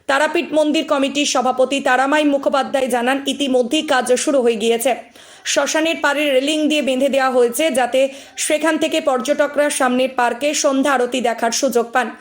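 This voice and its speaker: A high-voiced woman reads a scripted news segment. Her delivery is formal and even. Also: fairly quick. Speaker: news reporter.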